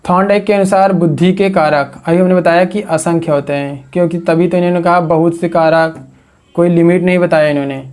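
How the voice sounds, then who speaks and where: A man's voice: on the high side, fairly even intonation, a little fast, a little mellow, clear, resonant tone. A man teaching an exam coaching lecture, asking the class questions and answering them himself while building memory tricks from words.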